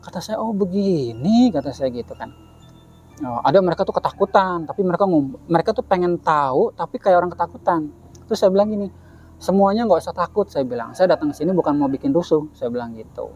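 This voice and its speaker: A man's voice: a little high, a little mellow, slightly rough, muffled recording. Man telling a spooky story casually. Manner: acts out quoted voices, many "kata saya gitu" tags; chants prayer phrases slowly. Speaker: guest storyteller.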